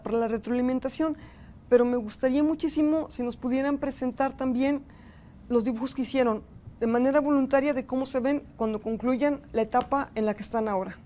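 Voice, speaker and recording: A woman's voice: high voice, moderate pace, mellow, a little hiss or hum. A woman with a Mexican accent giving a university lecture and thanking participants earnestly. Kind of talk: university lecture with audience feedback.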